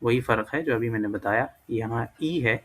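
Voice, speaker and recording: A man giving a casual language lesson, thinking aloud and correcting himself as he goes. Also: medium pitch. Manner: thinks aloud, self-correcting, many fillers. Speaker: language teacher. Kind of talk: casual screen-recorded lesson.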